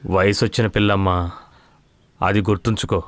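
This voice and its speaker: A man's voice: lowish voice, steady tone, moderate pace, lightly acted. A man playing a kindly older father. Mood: fatherly. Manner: gentle, fatherly, chuckling. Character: kindly older father visiting his daughter. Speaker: father in a film. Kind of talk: dubbed film dialogue.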